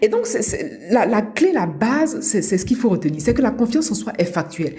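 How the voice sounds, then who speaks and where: Fairly quick and warm, with big swings in her medium-pitched voice, a middle-aged woman from Abidjan, Ivory Coast gives a motivational coaching talk. As a personal development coach and podcast host, she speaks didactically and repeats her key points for emphasis.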